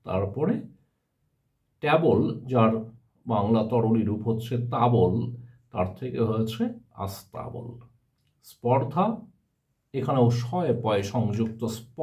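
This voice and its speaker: A male teacher giving a step-by-step grammar lesson, often pausing to ask his students rhetorical questions. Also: mid-range voice, warm tone.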